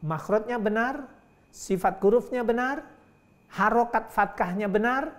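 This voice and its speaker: Unhurried middle-aged male trainer, patient, drills syllables, lecture tone. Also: high-pitched. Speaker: Quran reading teacher trainer. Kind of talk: lecture with classroom demonstration.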